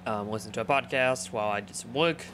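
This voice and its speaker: A man's voice: mid-range voice, fast talker, fairly bright tone, slight background noise. A young man streaming, chatting casually and rambling with lots of fillers. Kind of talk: casual chat.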